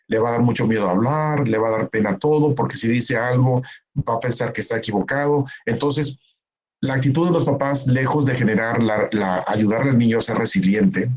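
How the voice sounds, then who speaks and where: A man's voice: medium pitch, a little mellow, poor audio. Earnest man giving a talk. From Mexico. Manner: earnest, explanatory, acts out parents and relatives in quoted asides. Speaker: keynote speaker. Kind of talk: conference talk, answering a question.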